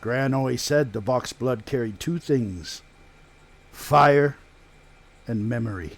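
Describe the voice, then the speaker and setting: A man's voice: mid-range voice, slow, vocal fry. Man acting folksy male blacksmith, rustic dialect, proud, gossipy fireside storytelling, tabletop fantasy game. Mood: wistful, heavy. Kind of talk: in-character tabletop role-play storytelling.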